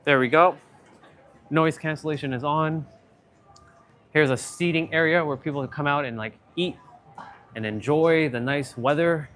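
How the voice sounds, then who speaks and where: A man's voice: fairly high pitch, moderate pace, pauses often, a bit bright. Man on noise-cancelled mic, walking tour. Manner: rambling, many "like" fillers. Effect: noise cancellation processing with noise reduction artifacts. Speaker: vlogger. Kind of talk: casual walking tour vlog. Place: outdoor shopping plaza.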